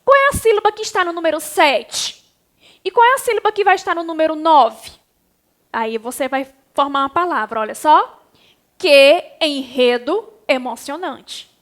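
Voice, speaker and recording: With a high, fairly bright voice, lively intonation and a moderate pace, this Brazilian woman teaches young children in primary school. Her Brazilian Portuguese accent comes through as she patiently and warmly leads them one step at a time.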